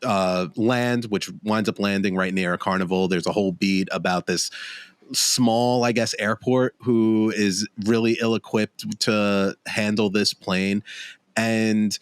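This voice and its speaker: Man, podcast co-host, casual film review, low pitch, rambling, dry sound. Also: a little slow, clean tone, no echo. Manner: rambling, restarts often, animated quotes.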